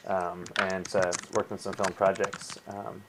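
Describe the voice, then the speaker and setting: A man's voice: low-pitched, little pitch movement, a little slow. A man from the United States hosting a live stream in a casual, chatty way. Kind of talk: casual chat. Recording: faint noise on home stream.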